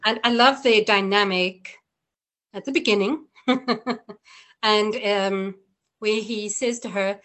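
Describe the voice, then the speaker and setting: A woman's voice: mid-range voice, fairly even intonation, slow, pauses often, fairly bright tone. Give me a curious woman interviewer from South Africa. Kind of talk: conversational interview.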